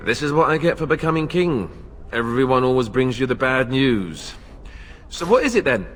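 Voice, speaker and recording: Man playing a bright, wisecracking young king, echoing hall. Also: mid-range voice, animated, moderate pace, soft background music, lightly acted. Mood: wry, curious. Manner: sarcastic, joking, exasperated. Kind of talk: dramatic fantasy game dialogue. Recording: long reverberant hall echo.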